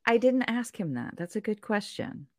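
A woman co-hosts a podcast in relaxed, playful conversation. Her pitch leaps around as she tells a story. The recording is dry and close to the mic. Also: moderate pace, dry recording. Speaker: podcast co-host. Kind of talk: casual chat.

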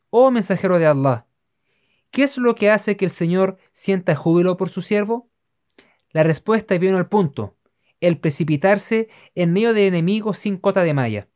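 A narrator giving a steady, measured scripted reading of religious history. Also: mid-range voice.

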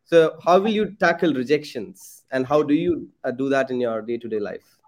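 A man's voice: medium pitch, expressive, moderate pace. A man hosting a podcast, asking long, carefully framed interview questions. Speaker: podcast host.

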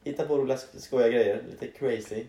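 A man's voice: mid-range voice, warm tone, roomy sound. A young man chatting casually as a podcast co-host, hesitant and thinking aloud as he talks. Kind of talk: casual chat.

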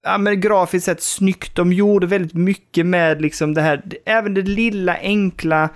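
A man's voice: high voice, steady tone. A podcast co-host and man from Sweden, chatting casually in a thoughtful, hesitant way with many restarts. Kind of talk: casual chat.

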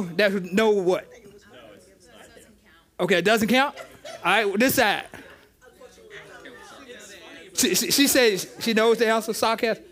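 High-voiced pastor leading a lively discussion. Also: male voice. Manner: animated, repeats "okay" and stammers on words. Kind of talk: interactive church teaching. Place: church sanctuary.

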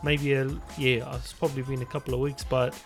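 A man's voice: medium pitch, flat delivery, a little fast, faint music behind. A man from New Zealand with a Māori English accent hosts a casual podcast, speaking in loose, hesitant phrases. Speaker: podcast host.

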